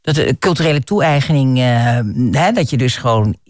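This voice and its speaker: A man hosting a casual chat about songs, telling stories with many pauses and restarts. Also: mid-range voice, lively intonation, no room sound, studio quality. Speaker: radio host.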